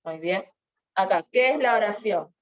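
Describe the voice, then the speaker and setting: A woman's voice: mid-range voice, lively intonation. Woman teaching grammar, muffled. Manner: questioning, drawn-out examples. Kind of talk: online grammar lesson. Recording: muffled lo-fi sound.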